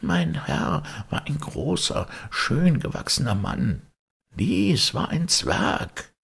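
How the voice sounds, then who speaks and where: A man voicing a loyal, frightened old male servant in an audiobook, speaking in a hushed, anxious, pleading way with a raspy voice. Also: mid-range voice, wildly swooping pitch, slow, pitched above the performer's own voice, exaggerated voice. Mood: fearful. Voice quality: gravelly, raspy. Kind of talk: audiobook character reading.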